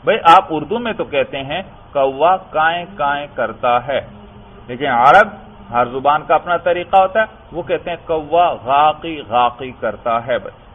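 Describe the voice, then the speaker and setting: Urdu-speaking teacher explaining Arabic grammar. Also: male voice, a little high. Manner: reads Arabic text slowly, then explains in Urdu; keeps asking if it is understood, often says "brother". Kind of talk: classroom lesson explaining Arabic text. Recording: tinny phone-like recording with faint noise.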